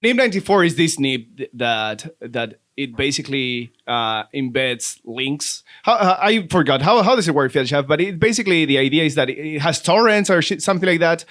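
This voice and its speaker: A man guesting on a tech podcast, explaining haltingly with many restarts and jokey asides. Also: on the high side, expressive, a bit bright. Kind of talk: casual tech chat.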